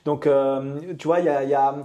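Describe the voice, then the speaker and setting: A man's voice: mid-range voice, flat delivery, mellow, muffled recording. A man in his thirties from Belgium, a coach talking candidly as a guest in a casual interview. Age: 30s. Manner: candid, confiding, fast.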